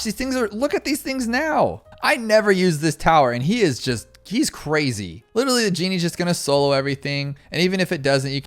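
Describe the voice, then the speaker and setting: A young man giving excited, running commentary over a video game, exclaiming often and talking to his viewers. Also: mid-range voice. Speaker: gaming YouTuber.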